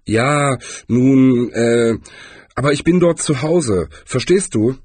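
A man's voice: medium pitch, animated, a little slow, slightly rough, no room sound, pitched above the performer's own voice. A man reading aloud, voicing a nervous, flustered male wizard in a slightly raised voice.

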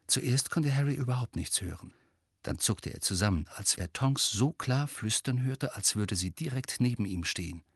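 A man reading a storybook aloud in steady narration. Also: mid-range voice, moderate pace, slightly rough, no room sound, studio quality. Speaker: audiobook reader. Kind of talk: scripted narration.

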